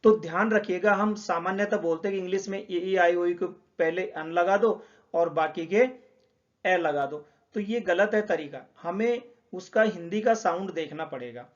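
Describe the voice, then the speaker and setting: A man's voice: sits high, normal speed. A man teaching English grammar, explaining each point step by step and repeating the key ideas. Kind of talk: classroom explanation. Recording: dull lo-fi sound.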